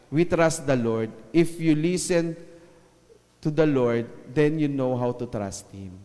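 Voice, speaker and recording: A man's voice: on the high side, darkish tone, big-room sound. Man preaching a joking Taglish sermon. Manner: joking asides with laughs, then slow emphatic scripture lines.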